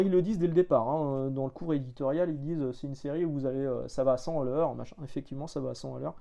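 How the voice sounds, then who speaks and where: Hesitant, blunt man with a mellow voice. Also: a little high, gravelly. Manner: hesitant, many filler sounds; frank and blunt, slangy. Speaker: comics reviewer. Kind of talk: casual spoken review.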